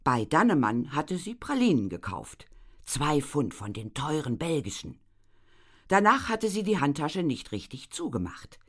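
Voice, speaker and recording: A man reading a children's adventure novel aloud as an expressive audiobook narrator. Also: on the high side, measured pace. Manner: lively storytelling, voices for characters.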